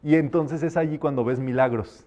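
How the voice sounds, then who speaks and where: A man's voice: on the high side, moderate pace, warm tone. A man teaching a live metaphysics class, explaining patiently and sometimes demonstrating by chanting affirmations.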